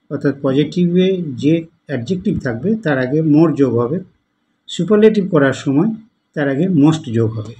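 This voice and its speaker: Slow, patient male grammar tutor. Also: fairly high pitch, warm tone, rough recording. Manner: spells words letter by letter, repeats forms patiently; asks the class questions to guide them. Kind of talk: slow explanatory lesson.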